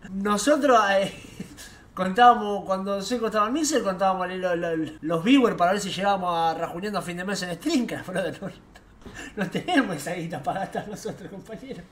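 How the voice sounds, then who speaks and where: A young man with an Argentine Rioplatense accent tells a story in a casual, animated way, full of slang and laughs. His voice sits high. A faint hum of background noise runs under the recording. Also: fairly quick. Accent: Argentine Rioplatense Spanish. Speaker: streamer telling an anecdote.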